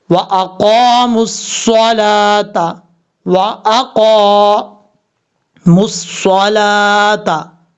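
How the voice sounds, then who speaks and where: A man teaching tajweed, explaining letter by letter and then chanting each word slowly and drawn out. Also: sits high, darkish tone, lo-fi sound. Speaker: Quran recitation teacher. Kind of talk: tajweed lesson with slow drawn-out recitation.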